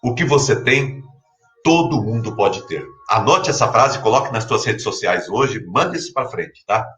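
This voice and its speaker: A man preaching a sermon with a Brazilian Portuguese accent, repeating key phrases and rising in pitch for scripture. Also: lively intonation, moderate pace, a bit bright, faint music behind. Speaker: pastor.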